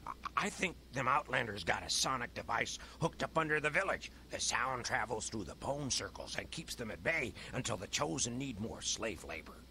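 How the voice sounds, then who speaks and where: A man's voice: mid-range voice, animated, moderate pace, creaky, hardly any pauses, sharp tone, full character voice. A man voicing a crazy old hermit miner in a video game, with a cracked old voice and folksy, rustic speech. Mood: emphatic, explaining. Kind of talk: video game character acting. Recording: game audio with background noise.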